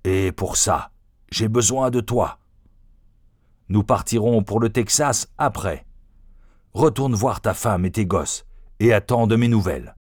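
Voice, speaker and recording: A grim, cunning outlaw set on revenge, stern and threatening, with a low voice, as a man puts him on in a storybook reading. The sound is dry and close, the delivery slow. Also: darkish tone, dry recording. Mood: menacing. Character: menacing vengeful male outlaw, grim and cunning.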